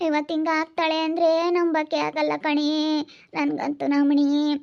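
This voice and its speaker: A woman with a rural Chitradurga Kannada accent plays an older village mother in a village family drama, coaxing and soothing with repeated pleas in a consoling mood. Her voice sits high and is monotone, a little mellow, with vocal fry at a measured pace. The audio sounds dull.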